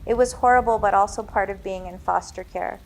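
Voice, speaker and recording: Woman author, storybook reading, measured, dramatic, gravelly edge, mid pitch. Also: a little mellow. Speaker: author reading her book.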